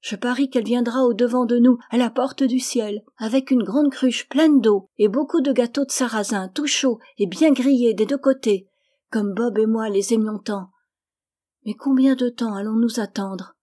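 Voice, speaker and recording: A woman voicing a trusting, cheerful little girl of about five in an audiobook, in a high, lively childlike voice. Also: normal speed, natural voice. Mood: joyful. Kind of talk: audiobook reading.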